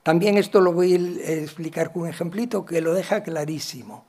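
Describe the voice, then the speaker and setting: A man from gives a talk, telling stories from his work as a psychologist and acting out the dialogue with big swings in loudness. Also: a little high, normal speed. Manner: animated, acts out dialogue with shifts in loudness. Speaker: psychologist and educator giving a talk. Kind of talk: storytelling lecture.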